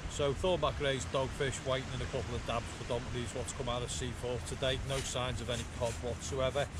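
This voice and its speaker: A man's voice: medium pitch, flat delivery, quick pace. A middle-aged man giving a plain, matter-of-fact fishing catch report on an open beach, with a few hesitant fillers. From England. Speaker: sea angling vlogger. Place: open beach on a river estuary, outdoors. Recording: outdoor camera audio with loud surf. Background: loud surf and wind.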